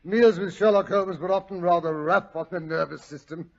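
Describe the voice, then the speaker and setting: An actor playing Doctor Watson as an excitable, proper British gentleman sidekick in 1940s radio drama style. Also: sits high, moderate pace. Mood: genial. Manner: blustering, exclamatory, proper. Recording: muffled 1940s radio broadcast.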